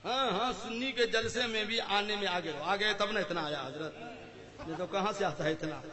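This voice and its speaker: A man preaching to a gathering, telling stories with a chuckle and calling on listeners to chant along. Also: high-pitched. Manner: call-and-response, urging the crowd to chant along; playful storytelling with chuckles. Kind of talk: Islamic sermon to a gathering. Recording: live sermon with audible crowd.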